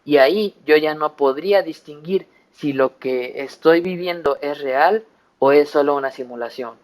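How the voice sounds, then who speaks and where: A man's voice: on the high side, moderate pace. A man with a Mexican accent explaining ideas informally as a panel speaker in a discussion, thinking aloud with halts and repeated words.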